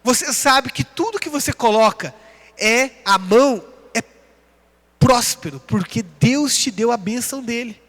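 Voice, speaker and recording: High-voiced preacher man in an echoing church. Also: lively intonation, unhurried, fairly bright tone. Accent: Brazilian Portuguese. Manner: rising emphatic call-and-response preaching, reading scripture references. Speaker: pastor. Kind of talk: sermon. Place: large church hall. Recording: long church hall reverb.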